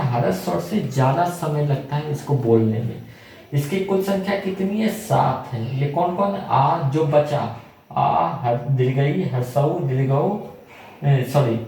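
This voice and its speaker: A man's voice: fairly high pitch, vocal fry, warm tone, slight background noise. A young man teaching a grammar lesson in a classroom style. He asks questions, answers them himself and keeps repeating the key terms. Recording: echoey room, voice from a distance.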